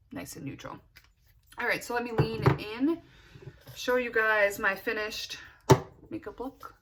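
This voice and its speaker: A young adult woman chatting casually as a beauty vlogger, talking with retainers in her mouth and thinking aloud informally. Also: a little high. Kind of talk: casual chatty get-ready-with-me vlog.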